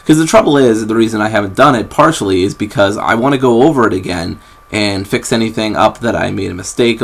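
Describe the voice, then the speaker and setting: A young man talks into his camera's built-in mic while sitting on a bed, drifting from topic to topic. His voice sits low and gravelly, and it is full of ums, restarts and apologies. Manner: rambling, apologetic, with many fillers and restarts. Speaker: vlogger. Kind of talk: rambling casual vlog.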